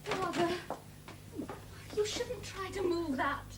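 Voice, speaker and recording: An actress playing a spy's lively, caring grown daughter in a television drama, a young woman with a light, girlish way of talking. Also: very high-pitched, slow. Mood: bright, playful. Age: young adult. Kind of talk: television spy drama acting. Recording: vintage TV soundtrack, faint noise.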